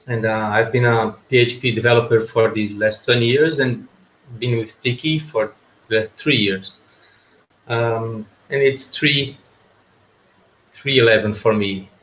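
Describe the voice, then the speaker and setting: A man's voice: mid-range voice, steady tone, measured pace, pauses often, a bit bright, reverberant, dull audio. A man from Brazil, introducing himself plainly on a video call with headphones.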